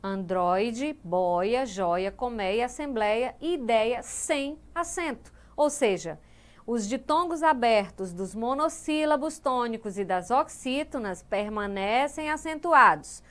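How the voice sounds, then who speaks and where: A woman's voice: on the high side, lively intonation, slow, a bit bright. A woman teacher giving a grammar lesson, explaining step by step and voicing the students' questions before answering them. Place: studio of an educational channel.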